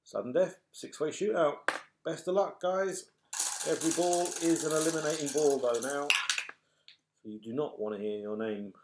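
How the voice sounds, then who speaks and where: British bloke doing bingo caller numbers and names, fairly high voice, matey and sorry about it, noisy home webcam sound. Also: male voice, moderate pace. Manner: chatty, matey, apologetic to players. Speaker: raffle host calling numbered balls. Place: small furnished room at home, indoors.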